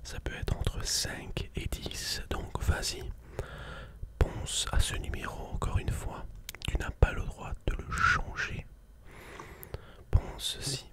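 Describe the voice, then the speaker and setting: An ASMR host whispering intimately right into the listener's ear, giving slow, soothing, gentle instructions.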